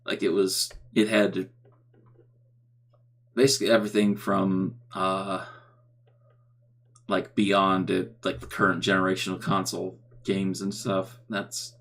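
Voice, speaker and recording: A man in casual reaction commentary, slow and meandering, with halting restarts. His voice sits low, and he takes his time with every thought. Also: monotone, fairly bright tone. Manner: rambling, halting, with many fillers. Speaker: streamer reacting to a video.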